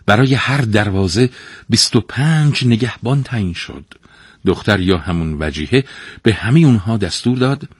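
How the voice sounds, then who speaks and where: Man, folktale narrator, low voice, husky, very lively pitch, dramatic. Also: no echo, clean studio sound. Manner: expressive, dramatic storytelling. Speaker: storyteller.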